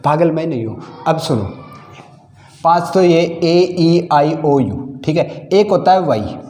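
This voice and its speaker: A man's voice: a little high, lively intonation, slow, darkish tone. A man teaching a basic lesson, repeating his own questions to the class and answering them. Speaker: English teacher. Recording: echoey room.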